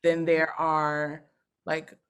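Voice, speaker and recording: A woman in her thirties, a guest on a podcast, telling her story in an animated, chatty way with laughs. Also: deep voice, very slow, smooth. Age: 30s. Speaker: guest opera singer. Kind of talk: casual podcast chat.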